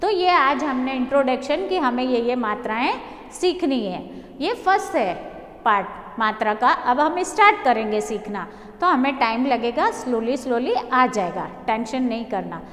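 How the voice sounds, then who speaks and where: High-voiced woman teaching small children. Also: expressive, a bit bright. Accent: Indian. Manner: slow, sing-song drilling, reassuring. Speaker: primary school teacher. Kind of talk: Hindi lesson for young children. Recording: echoey room with long reverb.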